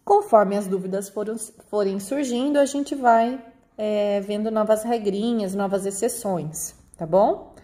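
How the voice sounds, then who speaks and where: A woman with a Brazilian accent teaching young pupils a remote lesson, patiently slowing down to spell out example words. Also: medium pitch, darkish tone. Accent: Brazilian Portuguese. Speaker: primary school teacher.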